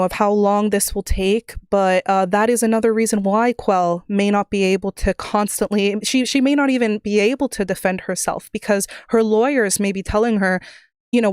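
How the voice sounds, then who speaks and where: Rambling woman streamer, smooth dry voice. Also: medium pitch, dry recording. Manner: rambling, many fillers and restarts. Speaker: livestreamer. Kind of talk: casual live-stream chat.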